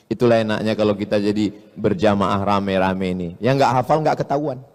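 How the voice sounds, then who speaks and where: A man's voice: on the low side, a little fast, darkish tone, in a large hall. A man preaching to a crowd in a joking, teasing way, with a flair for mimicking voices. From Indonesia. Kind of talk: humorous sermon to a large audience.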